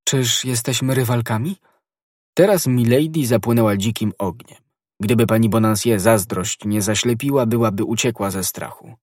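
A man narrating a classic novel as an audiobook in a measured storytelling manner. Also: lowish voice, a little mellow, dry recording, clean studio sound. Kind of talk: literary narration.

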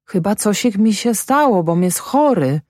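A woman's voice: mid-range voice, lively intonation, a little slow, darkish tone, no room sound, clean studio sound, pitched above the performer's own voice, lightly acted. A woman reading aloud, voicing a sick and bewildered male farmhand who pleads his innocence.

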